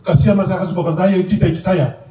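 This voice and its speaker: A middle-aged man with an Eastern Indonesian Sumba accent gives a halting, emotional personal account as a husband, full of repetitions and murmured fillers. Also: sits high, fairly even intonation, mellow. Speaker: husband giving a public clarification. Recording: distant, echoey room with faint noise.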